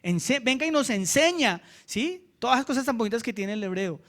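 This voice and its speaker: High-voiced Colombian preacher. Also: male voice, lively intonation, a bit bright. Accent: Colombian Spanish. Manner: asks the congregation short checks like "¿cierto?" and "¿sí?"; slows down for quoted scripture. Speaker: pastor. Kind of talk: sermon.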